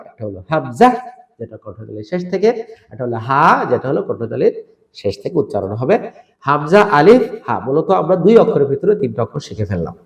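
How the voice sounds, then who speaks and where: In an online recitation lesson, a man with a Bangladeshi Bengali accent teaches how to pronounce Quran letters, drilling syllables aloud. His voice is fairly high, the room is echoey, and he mixes English words into his instruction.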